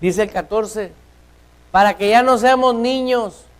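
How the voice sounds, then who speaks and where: High-voiced male pastor preaching with questions. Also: a little slow, low-quality recording. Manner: preaches with rhetorical questions, swings from loud to hushed. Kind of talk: sermon. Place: church.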